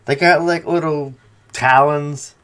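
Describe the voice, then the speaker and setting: A man's voice: on the high side, steady tone, slow pace, fairly bright tone, clean tone. A man hosting a podcast in casual chat, teasing and swearing a lot. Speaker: podcast host.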